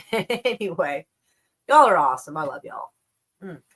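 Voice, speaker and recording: A woman's voice: on the low side, big pitch swings, measured pace, fairly bright tone, husky. A woman chatting casually on a live stream about the news, rambling and wry, with plenty of swearing. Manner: profane, laid-back, wry.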